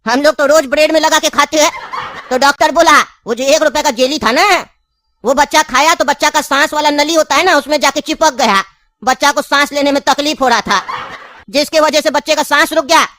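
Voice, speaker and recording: A woman's voice: high voice, a little fast, fairly bright tone, no room sound. A woman voicing a pushy old cartoon grandpa. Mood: storytelling. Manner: coaxing, insistent, chuckling. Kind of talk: cartoon voice acting.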